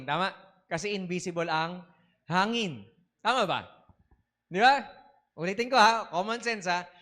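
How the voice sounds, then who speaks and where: Bright-voiced preaching bishop. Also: male voice, high-pitched. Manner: lively, asks the congregation many questions; mixes English phrases into his preaching. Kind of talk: sermon.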